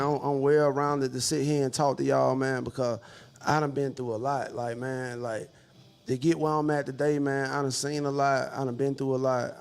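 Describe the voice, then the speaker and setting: A man's voice: mid-range voice, a little mellow, clean tone. A man, chatting casually and laid-back with plenty of slang and swearing. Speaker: podcast panelist. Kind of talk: casual chat.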